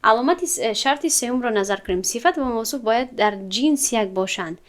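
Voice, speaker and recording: A woman's voice: on the high side, lively intonation. A woman teaching Arabic grammar in a classroom, explaining step by step and asking her students questions. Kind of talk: classroom lesson.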